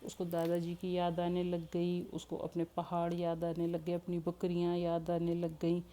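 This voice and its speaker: A woman's voice: lowish voice, completely flat delivery, unhurried, dark tone. A woman telling a children's story expressively, with English words mixed in. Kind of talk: storybook narration.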